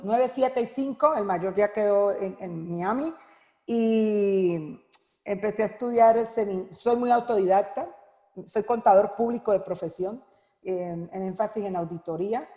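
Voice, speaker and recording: A middle-aged woman giving an earnest, heartfelt personal testimony at an online women's conference, pausing often as she speaks. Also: mid-range voice, warm tone, reverberant, big-room sound. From Colombia. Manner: earnest, heartfelt, halting with frequent pauses. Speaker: women's Bible teacher and speaker.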